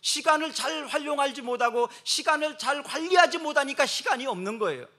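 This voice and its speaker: A man preaching a sermon to his congregation, swinging between loud emphatic exhortation and soft, slow, comforting passages. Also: very high-pitched, expressive. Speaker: pastor.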